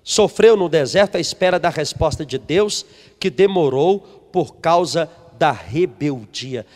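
A man's voice: on the high side, measured pace, darkish tone, big-room sound. A man, a missionary preaching a sermon, reading from a book and putting questions to the congregation. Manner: emphatic, asks the congregation questions.

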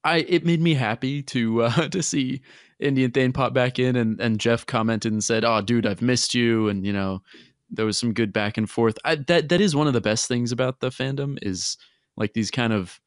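A man's voice: medium pitch, normal speed, dry recording. A man co-hosting a fan podcast, chatting casually and rambling through restarts and filler. His voice sits in a middling register. The recording is dry and close, with no room sound. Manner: rambling, frequent restarts and laughs. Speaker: podcast co-host. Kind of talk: casual chat.

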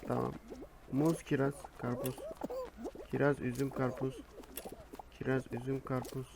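A young man casually commenting on his own gameplay, talking to himself with sudden loud outbursts. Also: mid-range voice, unhurried, vocal fry, noisy background. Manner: excitable, talks to himself, bursts into loud shouts.

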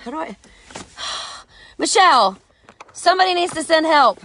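This mother in her thirties has a very high, fairly bright, animated voice and takes her time speaking. She's making a selfie vlog inside a parked truck beneath an open umbrella, phone held out at arm's length, laughing in flustered exasperation.

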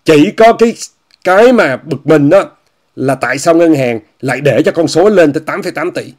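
A man's voice: fairly high pitch, expressive, normal speed, darkish tone. Mocking male commentator. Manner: repetitive, often repeats phrases and says "quý vị" often; scornful, mocking tone. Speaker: commentator hosting an online talk show. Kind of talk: casual monologue commentary addressing viewers.

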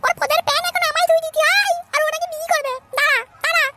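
A woman voicing a quick-tempered cartoon mother who screeches threats and insults at her family. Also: extremely high pitch, fairly even intonation, sharp tone, no echo, faint music behind, voice pushed up, exaggerated voice. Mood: scolding. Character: shrill scolding mother Pushpa, quick-tempered. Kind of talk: comic Bengali cartoon voice acting.

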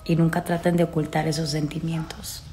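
A Mexican woman in her thirties speaks in a slightly low voice. She confides in her followers in casual, emotional, halting talk, recorded on a phone held at arm's length in a room at home. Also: flat delivery, background noise. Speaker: vlogger. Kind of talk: casual confessional chat to followers. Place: small room at home, indoors.

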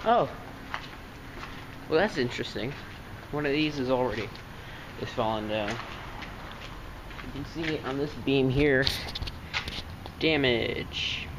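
A man's voice: medium pitch, animated, slow, long pauses. A man casually narrating as he walks around outside a closed store, thinking aloud and easily amazed. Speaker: vlogger exploring a closed store. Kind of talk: casual walkaround commentary. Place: outdoors by an empty store and parking lot. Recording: outdoor noise and traffic under the voice.

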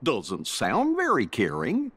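Goofy, a slow folksy cartoon creature. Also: male voice, mid-range voice, huge pitch swings, fairly bright tone, breathy edge, full character voice. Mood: cheerful, folksy. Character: goofy good-natured male cartoon creature, simple and cheerful. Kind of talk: animated video game acting.

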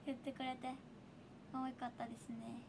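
A woman's voice: sits high, little pitch movement, moderate pace, vocal fry, noisy background. A young woman with a Hiroshima accent chatting casually on a livestream, reading viewer comments and laughing often. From Hiroshima, Japan. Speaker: idol livestreamer.

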